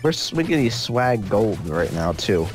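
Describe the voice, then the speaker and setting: A man's voice: fairly low pitch, big pitch swings, normal speed, faint music behind. A man co-commentating on a let's play, joking and reacting casually to the game.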